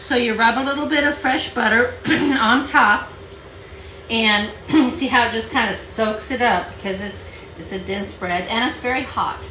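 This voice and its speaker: A woman's voice: fairly high pitch, normal speed, sharp tone, reverberant, a little hiss or hum, rough recording. A woman co-hosting a home cooking show, explaining each step in a chatty way in her kitchen. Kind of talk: casual cooking demo.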